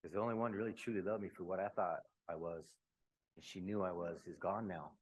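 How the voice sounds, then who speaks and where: A man giving a personal testimony talk as a guest speaker, telling his story conversationally, dropping low and quiet and then breaking into loud outbursts. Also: steady tone, quick pace, slight background noise. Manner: conversational, uses slang like "man".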